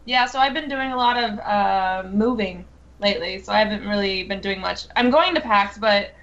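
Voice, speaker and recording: A woman's voice: mid-range voice, moderate pace, fairly bright tone. A young woman chatting casually on a podcast, giggly and easygoing. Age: young adult. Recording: dull mic with faint noise.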